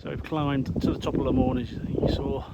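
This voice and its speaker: A man's voice: medium pitch, little pitch movement, a little fast, vocal fry, lo-fi sound. A man breathing heavily as he chats casually to camera on a mountain hike. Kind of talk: casual vlog chat. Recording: very noisy windy outdoor recording.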